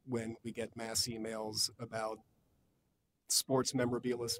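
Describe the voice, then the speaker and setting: Male member of the public at a meeting microphone, earnest and halting, even intonation, faint room rumble. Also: rough recording. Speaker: county employee giving public comment. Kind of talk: public comment, spoken tribute at a formal meeting.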